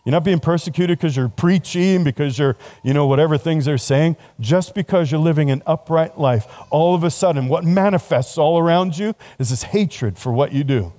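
Conversational preacher man with a mellow voice. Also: fairly high pitch, moderate pace, few pauses. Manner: conversational, self-deprecating, laughs often. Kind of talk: sermon to students.

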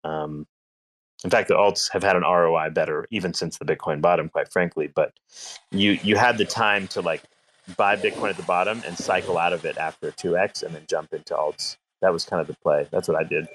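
A man's voice: sits low, fairly even intonation, brisk, fairly bright tone. A man in a casual online audio chat, explaining market cycles at length with lots of filler words. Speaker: speaker in a crypto audio chat.

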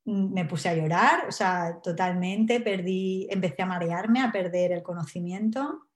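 A woman, nervous, telling her own story in an interview with halting speech and many restarts. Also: on the low side, roomy sound. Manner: halting, frequent tag questions and restarts. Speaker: interview guest. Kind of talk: personal storytelling.

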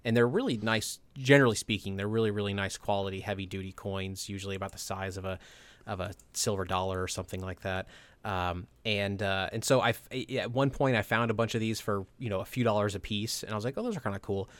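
A man talks easily as a podcast co-host, filling his pauses with ums and uhs. His voice is low and recorded dry and close. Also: dry recording. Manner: relaxed, chatty, filler-heavy. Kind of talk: casual podcast chat.

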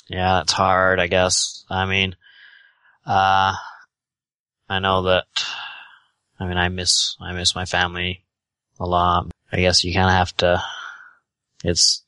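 A man with a Utah accent giving casual, halting, tentative answers as an interview guest. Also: sits low, sharp tone, clear, resonant tone, no echo.

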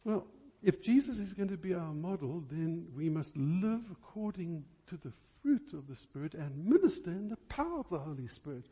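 In an impassioned church sermon, a man preaches emphatically, posing rhetorical questions and deliberately stressing key words. His voice sits a little high, with a sing-song lilt and a warm tone.

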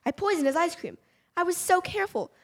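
A woman's voice: very high-pitched, animated, a little fast. A young female performer playing Deadpool, a defensive comic-book killer, in an amateur youth radio play. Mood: angry confessing. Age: child or teen.

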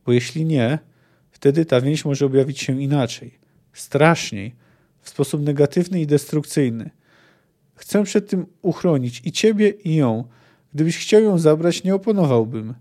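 A grave old bearded druid in a read-aloud story, as a man reads him, earnest and measured in his warnings. The voice stays mellow and dark, close to the reader's own. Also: a little high, lively intonation. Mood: earnest counsel.

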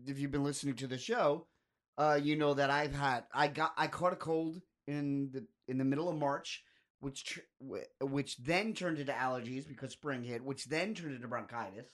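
A man's voice: mid-range voice, a bit bright. A man hosting a podcast, chatting casually and riffing with jokes. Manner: joking, quick to riff and exaggerate. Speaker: podcast host. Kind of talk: casual conversation.

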